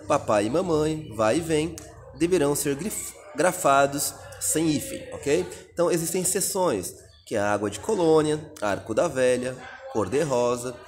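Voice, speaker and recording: A Brazilian man teaching a recorded exam-prep lesson, reading out answer options and explaining each one step by step. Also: mid-range voice. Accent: Brazilian Portuguese.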